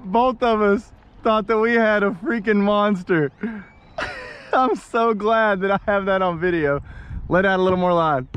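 A fishing vlogger chats excitably in slang, laughing often as he films an outing, mostly from a kayak on an open lake and partly in a car. His voice is high and his pace measured. An action camera worn or mounted nearby gives a muffled outdoor sound with clear background noise.

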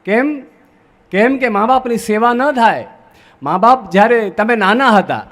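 A man's voice: high voice, fairly bright tone. A young Gujarati man preaching a sermon from the dais, asking his listeners rhetorical questions and answering them himself. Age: young adult.

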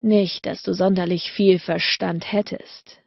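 A woman voicing an intense adult male lover, speaking low and murmured with a rough, deep tone. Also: steady tone, unhurried, dry recording, lo-fi sound. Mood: heated, breathless. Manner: low, murmured, breathy delivery.

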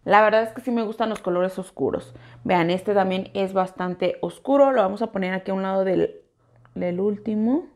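A woman's voice: medium pitch, normal speed. A woman giving a casual product review as a vlogger, chatting and talking straight to her viewers. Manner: chatty, keeps addressing viewers directly. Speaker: beauty vlogger.

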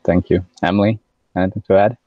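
A man moderates a panel over a video call, his low voice brief and polite as he calls on each panelist by name. The audio is dull and lo-fi, and the sound is dry. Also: fairly even intonation, quick pace, dry recording.

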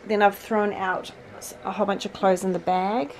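A mother and vlogger in her forties chats while sorting out a bedroom indoors, narrating her decluttering casually and speaking to her sons between remarks. Her medium-pitched voice is moderately paced and fairly even, full of fillers, on a low-quality recording.

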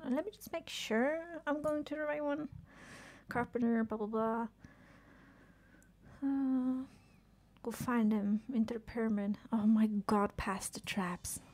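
A woman streaming a video game, chatting casually, swearing often and reacting with quick exclamations. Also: fairly high pitch, dark tone. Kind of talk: casual live-stream commentary while playing.

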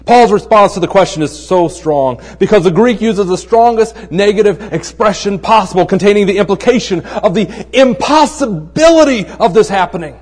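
A pastor with a notably high male voice delivers a relaxed, conversational sermon. He mixes easy joke-telling with pointed rhetorical questions. He often drops to a hushed tone to press a point home. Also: moderate pace, hardly any pauses, big-room sound. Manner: tells jokes in a relaxed storytelling way.

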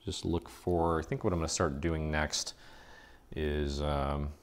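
A man with an extremely low-pitched voice, speaking a little slowly, leads a casual step-by-step paper craft tutorial. He's chatty and relaxed, thinking aloud and using fillers as he works.

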